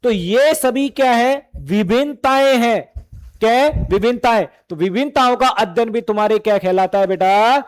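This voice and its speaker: A man with a very high voice is teaching a class of exam students. He asks a question and then answers it himself, and he keeps calling the students beta and bhai. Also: normal speed.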